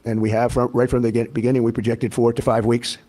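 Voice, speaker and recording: Man, government official, assured and insistent, flat monotone, dark tone. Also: mid-range voice, fast talker. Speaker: government official in a news clip.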